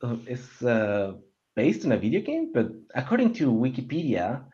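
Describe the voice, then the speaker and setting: A panelist on a film discussion show speaks at a moderate pace in a warm, medium-pitched voice whose pitch swoops wildly. In the casual chat about opinions he rambles and stammers, often restarting sentences, with dull, muffled lo-fi audio.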